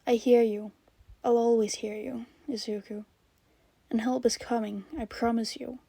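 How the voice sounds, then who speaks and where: A woman voicing a gentle man who is a radio host, talking softly and reassuringly to a frightened child. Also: on the high side, level tone, unhurried, gravelly, slightly rough, dry recording, exaggerated voice. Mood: coaxing. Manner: soft, coaxing, reassuring.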